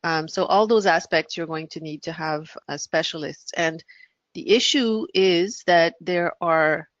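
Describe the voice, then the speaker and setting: A woman from France speaking as an interview guest, explaining things conversationally and thoughtfully, pausing to rephrase. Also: sits low, no room sound, highs cut off. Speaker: podcast guest, business founder.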